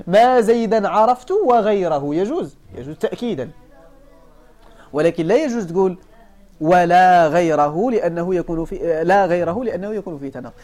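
A man from Morocco with a Moroccan Arabic accent, a sheikh explaining a classical grammar and rhetoric text step by step, repeating examples slowly and asking his students questions back. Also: high voice, a little mellow.

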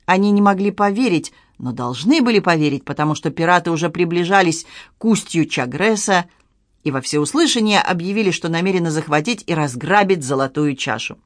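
An audiobook narrator reading literary prose in a measured, expressive way. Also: medium pitch, dry recording, clean studio sound.

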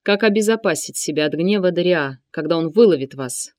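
A woman reading an audiobook, voicing a captive male nobleman who answers calmly and defiantly. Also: on the low side, fairly quick, no room sound, studio quality, close to an everyday voice. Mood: cool. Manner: calm, cutting, defiant.

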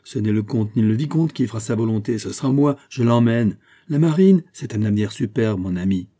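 Blustery noble duke read by a guy, loud and hearty, kinda raspy, pitched up. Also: a little fast, lightly acted. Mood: boisterous. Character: boisterous swaggering noble duke, middle-aged man.

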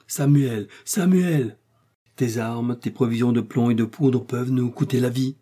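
A man reading an audiobook, voicing a gruff male hunter with an emotional, protective manner. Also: medium pitch, a little slow, warm tone.

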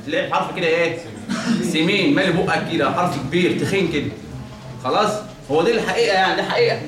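Fast, high-voiced Egyptian teacher in echo. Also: male voice, fairly bright tone, slight background noise. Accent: Egyptian Arabic. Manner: quizzing, asks questions and answers them himself. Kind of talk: classroom lesson on Quran recitation. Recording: echoey room from far off.

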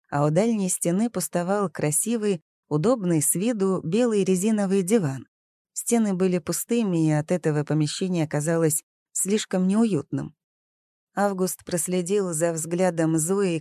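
A woman narrating a novel in an even, measured storytelling manner. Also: fairly low pitch, no room sound. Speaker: audiobook narrator.

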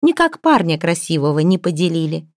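A woman voicing a lively young wife of a chieftain who excitedly reports news. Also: deep voice, a little fast, no room sound, studio quality.

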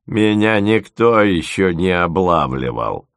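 A man voicing a crafty, boastful old village fisherman who drawls in a slow, folksy way. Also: low-pitched, very animated, smooth, dry recording, clean studio sound, heavily acted. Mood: drawling, folksy.

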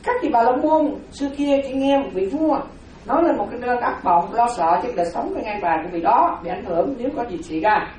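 A woman's voice: fairly high pitch, expressive, brisk, darkish tone. A woman delivers a Buddhist Dharma talk, circling back over her points and asking rhetorical questions. Her voice comes from well away from the microphone in a strongly echoing room, with a faint hiss underneath. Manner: repetitive, explanatory, rhetorical questions. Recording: very echoey hall from far off.

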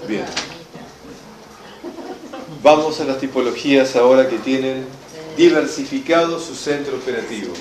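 A man with a Rioplatense accent lecturing a class, emphatic and lively, often checking that his audience understands. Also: mid-range voice, moderate pace, long pauses, slight background noise. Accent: Rioplatense Spanish. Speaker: enneagram teacher. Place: classroom or hall with a live audience. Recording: echoey room, mic from a distance.

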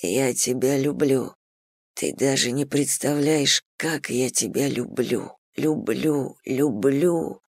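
Female narrator doing a brooding young man: low, soft, simmering. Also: slow pace, vocal fry, no echo, clean studio sound, full character voice. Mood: tender. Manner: low, hushed, brooding delivery. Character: passionate young man, intense lover, quick to anger.

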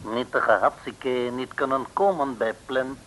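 A man plays a slow, cringing, sly villain in a 1960s radio serial, with a natural, medium-pitched voice. He flatters slyly and abases himself, using broken grammar and formal address. It comes from a noisy old radio recording.

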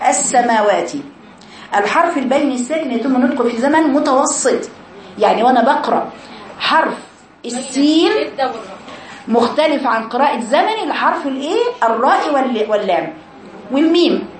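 A woman with an Egyptian accent teaching a tajweed lesson to her female students, explaining rules and reciting words slowly with long drawn vowels. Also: high-pitched, animated, reverberant, poor audio. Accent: Egyptian Arabic.

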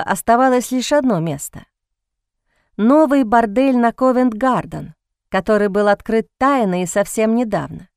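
Woman, audiobook narration, steady expressive reading, smooth voice, dry close-miked studio sound. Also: fairly high pitch, no echo. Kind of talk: scripted narration.

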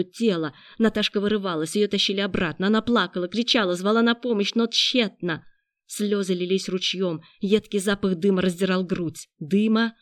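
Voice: medium pitch, no room sound, clean studio sound. A narrator reading a tense audiobook in a dramatic storytelling manner.

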